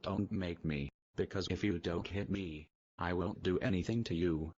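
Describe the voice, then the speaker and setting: Woman putting on a deep gruff bully. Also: moderate pace, warm tone, muffled recording. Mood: taunting.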